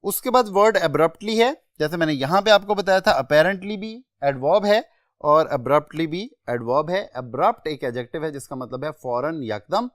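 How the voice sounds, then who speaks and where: A man's voice: a little high, lively intonation, dry recording. Pakistani man teaching vocabulary, dry sound. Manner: measured, explanatory, lists synonyms one by one. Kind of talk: exam-prep vocabulary lecture.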